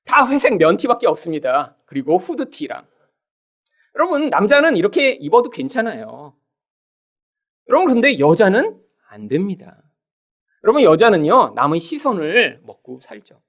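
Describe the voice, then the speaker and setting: Lively high-voiced male pastor preaching. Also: moderate pace. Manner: animated preaching, often addresses "여러분", acts out quoted voices. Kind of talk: sermon. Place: church sanctuary.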